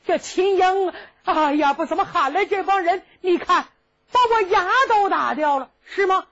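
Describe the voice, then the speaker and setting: Storytelling: woman putting on an outraged elderly prince, high pitched, lo-fi. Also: normal speed, fairly bright tone. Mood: aggrieved. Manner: shrill, indignant complaining. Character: blustering old male prince, indignant. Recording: dull lo-fi recording.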